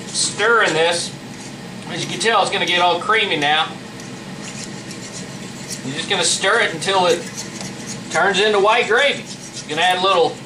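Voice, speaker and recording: A high-voiced man walks through a recipe in a casual, folksy way. He sounds set back from the mic in a roomy kitchen, with a fan running noisily behind him. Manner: folksy, plain-spoken. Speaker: home cook presenting a recipe. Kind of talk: casual cooking demonstration. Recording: roomy, noisy fan hum, distant mic. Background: fan noise.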